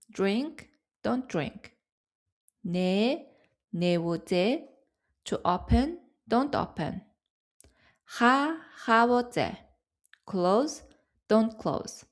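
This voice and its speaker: A woman teaches grammar in a scripted lesson, speaking unhurriedly and spelling out each example. Her voice sits somewhat high. She moves through words and their meanings one by one at a slow pace. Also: darkish tone. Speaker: language teacher.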